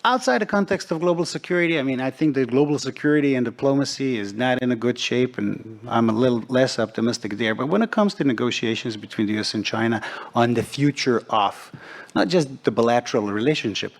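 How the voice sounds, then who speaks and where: A middle-aged man from Serbia speaking as a forum panelist, measured and deliberate, with frequent pauses. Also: mid-range voice, animated. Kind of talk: panel discussion remarks.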